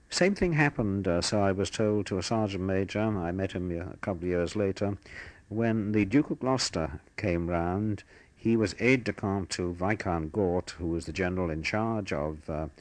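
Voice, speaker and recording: An older man, a war veteran, telling his memories in a measured, matter-of-fact way for an oral history. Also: low-pitched, no room sound.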